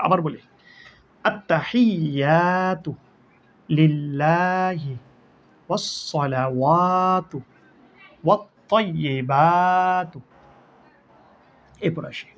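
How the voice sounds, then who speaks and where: Slow, patient man spelling out recitation. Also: a little high, highs cut off. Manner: slow, drawn-out syllable-by-syllable recitation. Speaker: Quran teacher. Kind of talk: recitation lesson, spelling out letters.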